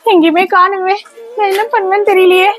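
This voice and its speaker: A woman's voice: extremely high pitch, flat delivery, brisk, slight background noise. A woman playing a strict stepmother who gives orders and scolds in a comedy skit. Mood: panicked. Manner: bossy, scolding commands.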